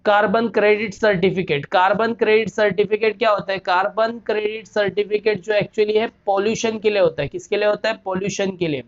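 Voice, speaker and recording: A man's voice: high-pitched, fairly even intonation, fairly quick, hardly any pauses. Male commerce lecturer, rhetorical questions, repeats key terms, muffled lo-fi audio. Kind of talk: classroom lecture. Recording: dull lo-fi recording.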